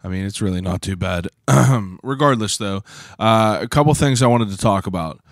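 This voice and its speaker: A Pittsburgh man in his thirties hosts a podcast, rambling through a casual solo talk in a voice on the low side and hoarse from shouting, at a moderate pace. He swears freely, is self-deprecating, fills gaps with frequent "uh"s and clears his throat often. The recording is dry and studio quality.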